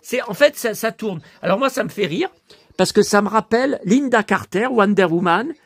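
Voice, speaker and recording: A man with a hoarse voice chatting casually to his viewers about his purchases, grumbling and addressing them directly. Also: high voice, lively intonation, normal speed, no echo. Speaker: collector vlogger showing his purchases.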